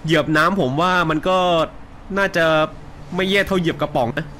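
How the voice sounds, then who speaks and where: A young man doing casual let's play commentary on a horror game, joking and swearing coarsely, with loud yelps when startled. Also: on the high side, normal speed, slight background noise. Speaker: gaming streamer.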